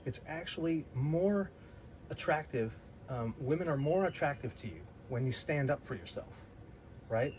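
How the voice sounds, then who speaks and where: A man's voice: fairly high pitch, animated, moderate pace, a little mellow, slight background noise, rough recording. A man telling a personal story in a blunt, heated way, swearing freely and often restarting his sentences. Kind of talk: casual storytelling.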